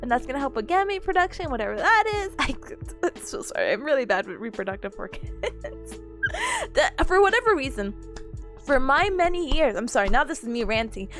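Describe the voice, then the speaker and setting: High, cute anime-style woman streamer. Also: fairly quick, soft background music. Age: young adult. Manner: giggly, animated, rambling. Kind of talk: casual study livestream chat.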